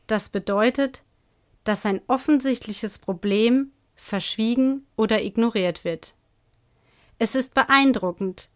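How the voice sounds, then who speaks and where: A woman presenting a novel in a measured, earnest way, summarizing it and giving her recommendation. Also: on the high side, smooth. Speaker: book reviewer. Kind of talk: book presentation with read excerpt.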